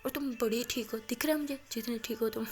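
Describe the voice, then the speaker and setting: A woman's voice: fairly high pitch, steady tone, fast, a little mellow, lightly acted. A woman voicing a sulky, teasing college girl. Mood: bickering. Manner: pouty, dramatic, bickering. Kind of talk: storytelling with acted dialogue.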